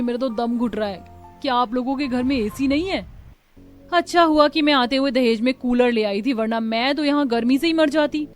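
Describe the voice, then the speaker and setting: A woman's voice: a little high, natural voice. A woman voicing a spoiled, arrogant rich young daughter-in-law in a cartoon story, speaking in a sneering way. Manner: haughty, sneering.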